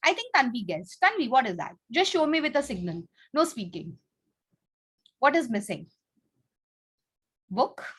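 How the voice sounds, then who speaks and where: A woman with a high, husky voice and big pitch swings speaks at a measured pace, pausing often. As contest host and teacher on an online video call, she explains the rules to children and prompts them with questions.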